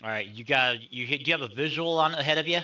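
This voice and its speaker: A man's voice: mid-range voice, quick pace, bright, forceful tone. A man co-hosting live storm coverage, commenting on radar and giving urgent, clipped directions. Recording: dull, band-limited audio.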